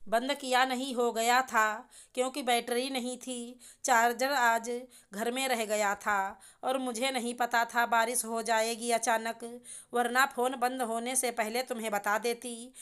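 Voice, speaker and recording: A woman's voice: a little high, flat delivery, a little slow, fairly bright tone, clear, resonant tone. A woman reading an indignant young wife. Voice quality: earnest, protesting.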